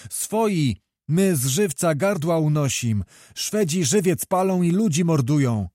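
A man's voice: fairly high pitch, expressive, unhurried, mellow, dry recording, clean studio sound, voice pushed up. A man voicing a frantic fleeing peasant. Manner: urgent, pleading, raised voice. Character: frightened peasant man fleeing a burning town.

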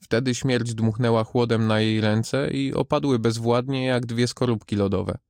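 A father reading a fairy tale aloud in a steady, unhurried manner. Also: medium pitch, no echo, studio quality. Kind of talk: storybook narration.

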